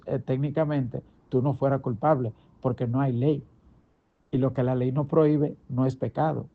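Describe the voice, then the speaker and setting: A middle-aged man, a pastor preaching a daily devotional in an emphatic, conversational way, full of rhetorical questions. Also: mid-range voice. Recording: dull lo-fi recording.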